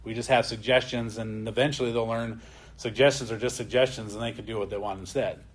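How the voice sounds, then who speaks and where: A man's voice: on the low side, fairly even intonation, fairly quick. A man teaching an adult church class in a plain, conversational way. He often adds a questioning "right?" as he talks.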